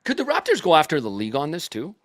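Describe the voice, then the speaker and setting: A man's voice: on the high side, huge pitch swings, fast, a bit bright, no room sound, clean studio sound. A man co-hosting sports talk, debating in an argumentative, incredulous way.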